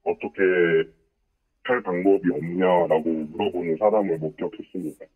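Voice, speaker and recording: A phone-in interviewee whose voice is pitched down to hide their identity, speaking in hesitant, broken phrases with many fillers. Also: steady tone, moderate pace, breathy edge. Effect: voice disguised, pitched down. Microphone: telephone. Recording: muffled phone line.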